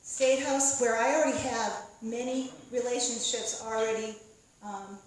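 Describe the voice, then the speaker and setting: A woman's voice: a little high, steady tone, unhurried, slight background noise. A woman candidate gives a hesitant debate speech, full of fillers, losing her train of thought. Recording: echoey room from far off.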